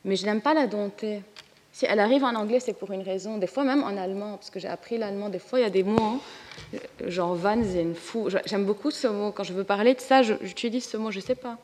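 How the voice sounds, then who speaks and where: Woman, Lebanese French accent, candid and lively, panel talk, long hall reverb, mid pitch. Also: fairly quick. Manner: candid, lively, laughs easily, mixes in English words. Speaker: comics artist on a panel. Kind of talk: panel discussion.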